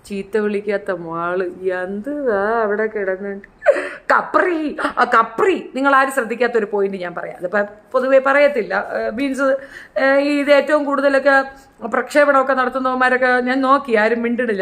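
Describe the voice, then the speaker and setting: Brief: middle-aged woman, high voice, opinionated casual commentator who mimics people. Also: fairly quick, fairly bright tone. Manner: chatty, opinionated, acts out quotes in high voices. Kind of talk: casual reality show commentary.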